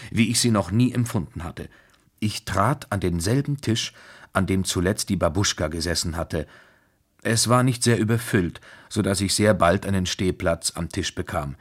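Husky low-voiced male narrator. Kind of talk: literary radio reading.

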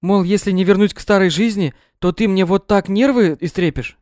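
Guy doing a young woman, upset and snippy, pitched up a bit, dry close sound. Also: brisk, a little mellow, dry recording, lightly acted. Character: young woman, anxious, sharp-tongued daughter.

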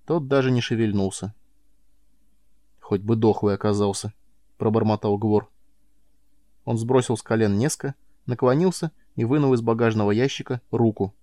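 A man narrating a science fiction audiobook in a calm, measured way. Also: medium pitch, dry recording, clean studio sound. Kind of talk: scripted narration.

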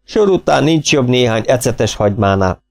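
A man doing a booming, jovial host. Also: lively intonation, vocal fry. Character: hearty, generous, overbearing middle-aged male host. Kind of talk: audiobook character voice.

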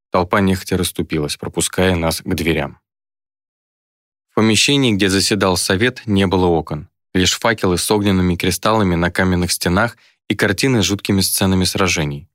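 Male audiobook reader, deep-ish voice, dry close recording, measured narration. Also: a bit bright, dry recording. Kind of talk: scripted first-person narration.

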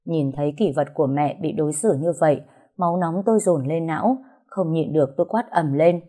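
Low, mellow woman narrating a story. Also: fairly quick. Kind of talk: first-person audio story narration.

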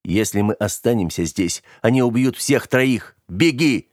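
A man's voice: medium pitch, lively intonation, a little slow, no room sound, studio quality. A man voicing a young man who urgently orders his friend to flee, commanding and pushing. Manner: urgent, commanding, forced cheer.

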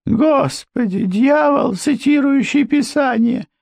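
A male reader voicing a frightened, bitter middle-aged housekeeper with a shrill, pleading voice, recorded dry and close. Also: slow, vocal fry, a little mellow, no echo, full character voice. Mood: agitated.

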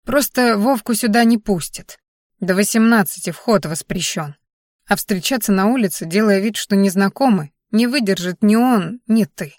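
A gruff but caring old grandfather figure, read out by a woman narrator, brisk and grumbling as he reassures. Her voice stays at a middling pitch with a dry, close sound, and the old man shows through the words more than through any change of voice. This is audiobook storytelling. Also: darkish tone, no echo, natural voice. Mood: gruffly reassuring. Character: elderly male father-in-law, gruff but caring.

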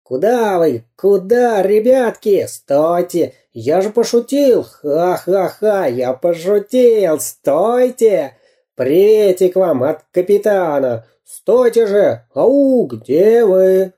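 A man performs a sneaky male spy villain from a storybook, his delivery shrill, screeching and taunting with drawn-out words. The heavily acted voice is slow, mellow and sing-song.

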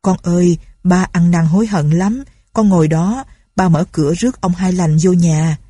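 Brief: woman reader playing a gruff old landlord, curt and commanding, dark husky tone. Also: fairly low pitch, normal speed, dry recording, studio quality. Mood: coaxing. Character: wary, stern older male landlord and village chief.

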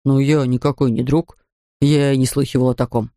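A woman's voice: rumbling low, fairly even intonation, a little fast, mellow, no echo, studio quality, pitched below the performer's own voice. A woman voicing an indignant bearded middle-aged man in a storybook. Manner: gruff and indignant.

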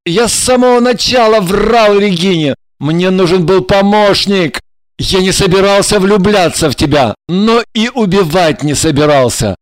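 A woman's voice: medium pitch, normal speed, dry recording, close to an everyday voice, rough recording. Woman doing a desperate pleading husband voice, begging, urgent, dry sound.

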